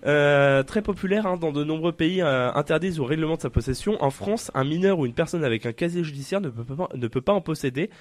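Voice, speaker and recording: A man hosting a radio show, casually reading out a list with deadpan absurd jokes and lots of hesitant fillers. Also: a little high, quick pace, hardly any pauses, no room sound.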